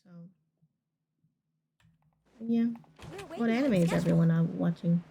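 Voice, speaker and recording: A gravelly, dark, fairly low-pitched female voice drifts slowly through rambling, conversational chat with stream viewers during gameplay. Video game music plays behind her, and there's slight background noise.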